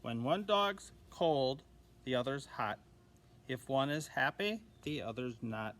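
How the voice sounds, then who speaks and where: A man reading a children's picture book aloud as a teacher, gently and expressively, giving the dogs little voices. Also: mid-range voice, animated, takes it slowly. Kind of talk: children's storybook read-aloud.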